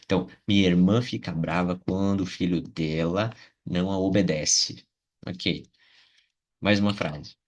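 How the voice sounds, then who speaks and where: A man from Brazil teaching an English lesson on video, with a fairly low, husky voice. He patiently repeats words slowly and keeps checking in with his viewers. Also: fairly even intonation, darkish tone.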